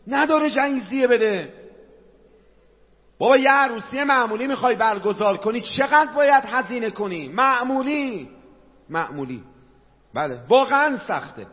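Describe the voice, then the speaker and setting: A middle-aged preacher with a Qom Persian accent delivers a fervent sermon in a high, swooping voice that rises and falls widely. He asks rhetorical questions and quotes Arabic scripture. The sound is dull and lo-fi, with long reverb trailing his words. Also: expressive. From Qom, Iran.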